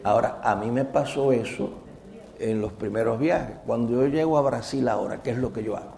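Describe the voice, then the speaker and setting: A man's voice: mid-range voice, brisk, vocal fry, darkish tone, a little hiss or hum. A man, a visiting professor, giving a doctrinal lecture to a live audience, telling humorous personal stories and acting out both sides of remembered conversations. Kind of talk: lecture told through personal anecdotes.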